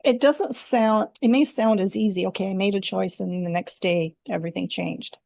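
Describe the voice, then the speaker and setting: A woman's voice: medium pitch, moderate pace, gravelly, a little mellow, no echo, clean studio sound. An older woman from Canada, a life coach, telling her personal story earnestly and reflectively in an interview. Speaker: guest, women's life coach.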